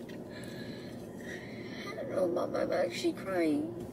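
A young girl crying quietly and protesting softly through her tears. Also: extremely high pitch, very animated, extremely slow, gravelly. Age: child. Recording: distant from the mic, background noise.

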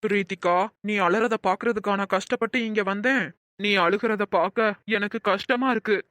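A woman voicing a gentle young man in a cartoon, soothing and earnest. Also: mid-range voice, steady tone, moderate pace, dry recording, lightly acted.

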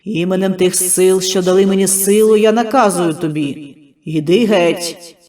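A man voicing a booming, commanding male faith healer who roars drawn-out commands. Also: a little mellow. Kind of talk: dramatic storytelling.

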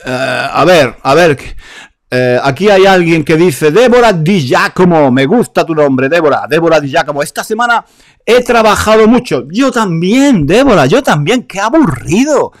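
A man's voice: fairly high pitch, expressive, normal speed. A man from Spain teaching a live online Spanish class, reading out viewers' comments in a chatty way and repeating phrases.

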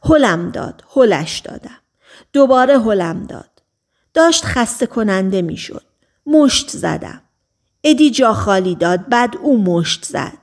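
A woman narrating a novel as an audiobook, in measured storytelling that slows on key phrases. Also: medium pitch, big pitch swings. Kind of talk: scripted narration.

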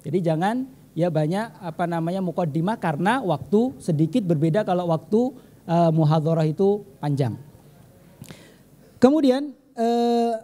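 A man with an Indonesian accent, a teacher giving deliberate, hesitant spoken feedback on student speeches. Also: high voice, lively intonation, mellow. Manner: deliberate and measured, with frequent hesitations. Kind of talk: formal critique read from notes, mixing Arabic and Indonesian.

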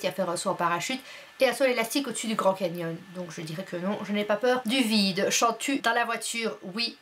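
A woman's voice: mid-range voice, a bit bright, a little hiss or hum. A young woman from Belgium, chatting bluntly and playfully as she answers a casual vlog questionnaire from her bedroom, full of fillers. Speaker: YouTuber.

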